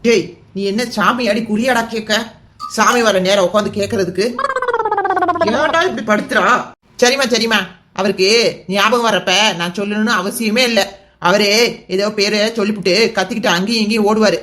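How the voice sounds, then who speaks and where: A woman's voice: medium pitch, normal speed, fairly bright tone, close to an everyday voice. A woman voicing a fussy grey-haired village man in a cartoon serial, grumbling and flustered in rural banter. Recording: music bed under voice.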